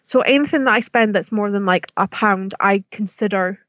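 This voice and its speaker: A woman's voice: medium pitch, moderate pace, a bit bright, highs cut off. A British woman in casual podcast chat, informal, teasing and self-deprecating.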